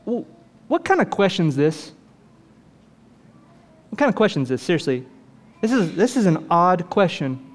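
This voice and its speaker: A man preaching a sermon in a lively, conversational way, full of rhetorical questions to the congregation. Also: sits high, normal speed, pauses often. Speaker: pastor.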